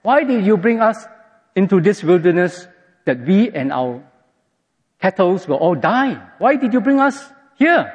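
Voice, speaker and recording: A man's voice: high-pitched, sing-song, unhurried, voice pushed up, heavily acted. A man voicing an exasperated, sarcastic ancient complainer who moans about having no water, in a dull, echoey hall recording. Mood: whining complaint. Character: grumbling thirsty ancient desert complainer, male adult.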